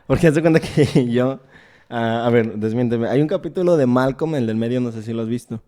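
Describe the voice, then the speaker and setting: Un hombre con acento mexicano que conduce un pódcast y conversa de forma casual, contando escenas con muchas muletillas. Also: male voice, mid-range voice, fairly quick, mellow. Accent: Mexican Spanish. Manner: chatty, retells scenes at length with filler words. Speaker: podcast host interviewing a guest.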